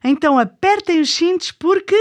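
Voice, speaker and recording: High voiced portuguese woman, kids show co-host, curious and expressive, scripted chatty storytelling. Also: normal speed, a little hiss or hum. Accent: European Portuguese. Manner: inquisitive, expressive. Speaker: children's programme co-host. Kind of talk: scripted conversational children's storytelling.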